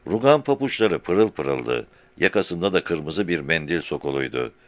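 A man reading a novel aloud as a narrator in measured, unhurried storytelling. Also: sits low, no echo. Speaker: audiobook narrator. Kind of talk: scripted literary narration.

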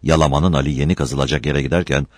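A man narrating a novel in steady audiobook narration. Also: a bass voice, fast, dry recording. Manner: steady storytelling.

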